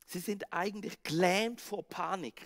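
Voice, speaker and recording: A male pastor with a Swiss German accent preaching a sermon, acting out the scene with sudden swings from loud outbursts to hushed words. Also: sits high, measured pace. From Switzerland. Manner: dramatic, acts out the disciples' panic and Jesus' words, swings from loud to hushed.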